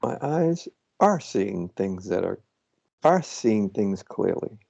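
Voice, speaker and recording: A man guiding someone through self-inquiry on a video call, speaking calmly and patiently and thinking aloud. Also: on the low side, takes it slowly, creaky. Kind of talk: slow reflective coaching on a video call. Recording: muffled lo-fi video call audio.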